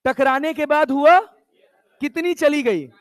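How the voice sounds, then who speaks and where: A man's voice: very high-pitched, unhurried. A male physics teacher lecturing a class, coaxing and teasing his students and scolding them casually.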